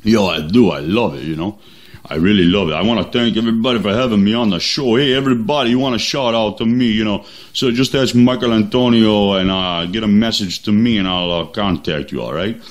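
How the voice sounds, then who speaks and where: A man doing a comedy impression of a good-natured, mumbling tough-guy boxer who talks in halting street slang. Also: fairly low pitch, lightly acted. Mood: grateful. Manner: slurred, halting street talk, says "yo" and "you know".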